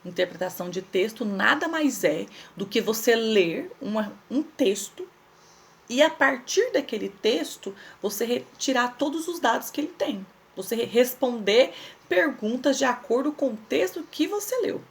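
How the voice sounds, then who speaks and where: A woman's voice: fairly high pitch, lively intonation, vocal fry. A woman teaching young children in a recorded lesson, patiently spelling out words and asking questions she answers herself. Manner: patient, explains slowly and spells things out, asks questions and answers them herself. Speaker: primary school teacher.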